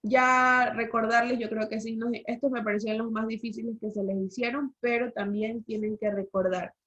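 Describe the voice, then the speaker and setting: Over slightly dull lo-fi video-call audio, a woman teaches an online language lesson, explaining rules and quizzing the class. Her voice is fairly high and a bit bright, with a level tone and moderate pace.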